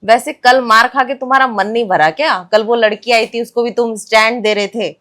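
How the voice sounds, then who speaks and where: A woman playing a young wife who confronts her cheating husband with sharp, sarcastic accusations in a comic family skit. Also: a little high, fairly even intonation, moderate pace, natural voice. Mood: accusing.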